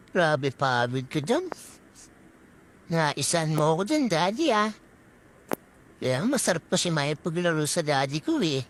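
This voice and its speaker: Cast: a woman as a clingy, teasing pet dog, low-set voice that swings up and down, vlog voice-over. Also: a little hiss or hum. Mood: tired, panting. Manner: sing-song teasing, talking as the dog to the owner.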